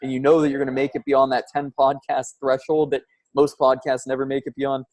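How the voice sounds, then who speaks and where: A man's voice: mid-range voice, little pitch movement, a little fast, a little mellow, no echo. A man giving a casual, informal vlog-style product test as a podcaster, recorded on a wired earbud headset used as a microphone. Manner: conversational, informal. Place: loud coffee shop. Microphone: wired earbud headset used as mic.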